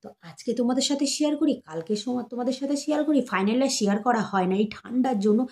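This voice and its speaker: A young woman chatting casually to her viewers, showing gifts for her baby and keeping her voice soft so the child sleeps. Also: a little high, expressive, rapid-fire. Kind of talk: casual chat to camera.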